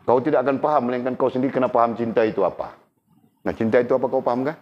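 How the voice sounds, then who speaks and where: This religious teacher keeps his lesson casual and conversational, often making sure his audience is following along. His medium-pitched voice has fairly even intonation and races along, heard through dull lo-fi audio.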